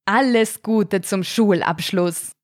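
A woman's voice: mid-range voice, slow pace, dry recording, studio quality, lightly acted. Woman doing a proud, boastful father shark. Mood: boastful cheerful. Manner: gruff, grumbling, self-assured.

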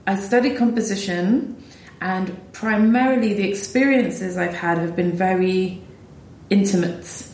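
A woman's voice: mid-range voice, measured pace, a little mellow, slight background noise. A woman composer talking thoughtfully in a conversation, with frequent ums and restarts. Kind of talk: reflective conversation. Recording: roomy echo.

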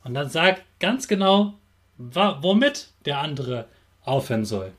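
A man who teaches and hosts a podcast for children, speaking straight to the young listener in a lively, encouraging way. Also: on the high side, a little slow. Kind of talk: upbeat talk addressed to children.

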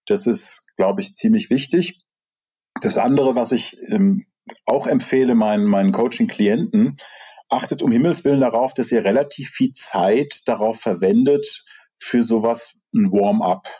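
A man from the Rhineland working as an executive coach, speaking in a measured, reflective and candid way in an interview over a video call. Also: on the low side, warm tone, slightly rough, highs cut off. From Rhineland, Germany.

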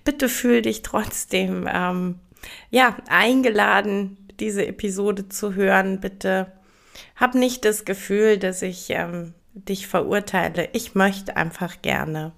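Woman host for a solo podcast: slow, hesitant, reassuring talk with a gravelly edge. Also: mid-range voice. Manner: hesitant, many filler sounds, gentle and reassuring. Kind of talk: casual explanatory podcast monologue.

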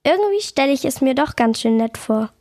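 A tired, anxious little dormouse in a children's audio story frets and whimpers, as a woman acts her out. The voice is high-pitched and recorded dry and close. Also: lively intonation, brisk, mellow, no room sound. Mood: fretful. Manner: whiny, fretful.

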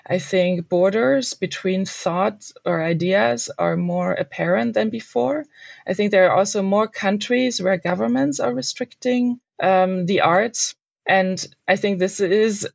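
A woman panelist talks in a gravelly, hesitant way, pausing often and filling gaps with ums. The sound is dry and close, but dull and lo-fi. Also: lowish voice, no echo. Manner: hesitant, many pauses and ums. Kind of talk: panel discussion.

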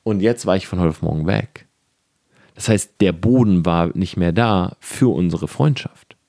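A man's voice: low voice, a little slow, creaky, mellow, dry recording, studio quality. A young man talking earnestly and directly to the listener in a casual motivational monologue, with fillers and the odd swear word.

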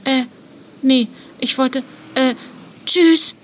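A woman acts a young schoolgirl of seven in a children's audio story. The voice is fairly high, polite and full of curious questions. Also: steady tone, drawn-out words, very noisy. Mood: sheepish. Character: curious, polite seven-year-old girl. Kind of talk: children's educational audio play.

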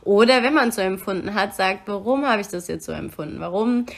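A woman's voice: mid-range voice, expressive, brisk, creaky. A woman co-hosting a podcast, talking casually and reflectively about relationships and acting out little quoted remarks. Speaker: podcast co-host.

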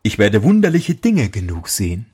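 A man's voice: fairly low pitch, wildly swooping pitch, normal speed, warm tone, husky, heavily acted. A man reading a fairy tale aloud, voicing a bold, fearless young prince with raised, cocky exclamations. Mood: defiant.

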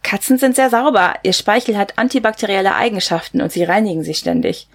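A woman's voice: medium pitch, animated, quick pace. A woman voicing a timid young woman in a read-aloud book excerpt, speaking defensively and earnestly in a raised voice.

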